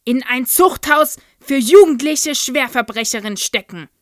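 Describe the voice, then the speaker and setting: A woman's voice: sits high, lively intonation, measured pace, no echo, pitched above the performer's own voice. A towering, child-hating headmistress, put on by a woman reading aloud, bellows every insult at full force in a raised, strained voice. The storybook reading is dry and close, with no room sound. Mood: furious bellowing. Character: huge brutal child-hating female headmistress.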